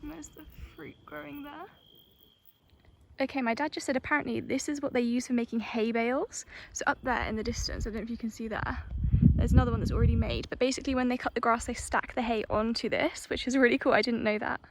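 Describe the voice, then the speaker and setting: A young woman vlogging outdoors on hillside farmland, her voice sitting a little high as she chats loosely to the camera. She fills her talk with ums and small laughs and sounds a touch winded from the uphill walk. Faint background noise sits under the recording. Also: steady tone, fast, creaky. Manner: chatty, loose, with fillers and laughs. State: slightly out of breath. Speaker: travel vlogger. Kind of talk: casual vlog to camera.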